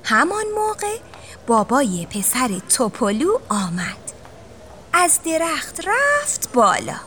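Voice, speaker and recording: A woman reading a children's story aloud, animated and sometimes dropping to a whisper. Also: high-pitched, slight background noise. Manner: animated, drops to whispers for suspense.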